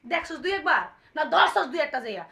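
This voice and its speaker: A woman playing a shrill, furious wife. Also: very animated, quick pace, gravelly, pushed and bright, heavily acted. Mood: indignant. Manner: shrill scolding, taunting repeated questions. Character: furious first wife confronting her cheating husband. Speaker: actor in a comedy skit. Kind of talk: amateur comic drama acting.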